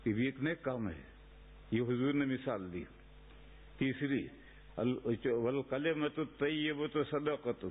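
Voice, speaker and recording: Male preacher, casual sermon, quotes Arabic, phone-thin lo-fi sound, mid-pitched. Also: lively intonation, pauses often, slightly rough. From India. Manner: conversational, rhetorical questions, recites Arabic hadith. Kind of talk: sermon in a mosque. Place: mosque. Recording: tinny phone-like lo-fi recording.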